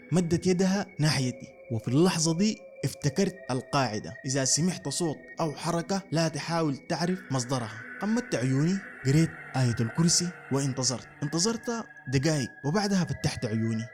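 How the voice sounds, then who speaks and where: Fast-talking man telling horror. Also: fairly high pitch, darkish tone. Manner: dramatic first-person storytelling. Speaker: narrator. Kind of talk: scripted horror story narration.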